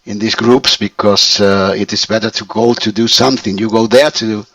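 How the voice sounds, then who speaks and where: A man's voice: on the low side, steady tone, fairly bright tone, no room sound, recorded from a distance, poor audio. Man, fifties, spanish accent, hesitant restarts, dry sound a bit off mic. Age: 50s. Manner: halting, searching for words with many restarts. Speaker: language student. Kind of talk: conversational English lesson.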